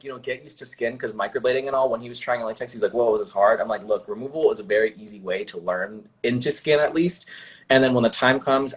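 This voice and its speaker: Young man, casual guest, mid pitch, loose filler-heavy talk. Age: young adult. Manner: relaxed, filler-heavy, says "like" often. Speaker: guest, beauty artist. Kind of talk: casual chat.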